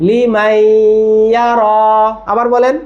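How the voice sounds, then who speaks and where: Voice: medium pitch, little pitch movement, measured pace, dull audio. A Quran recitation teacher giving a tajweed lesson, spelling words out letter by letter, drilling them, and often checking in with the listener. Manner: asks frequent check-in questions.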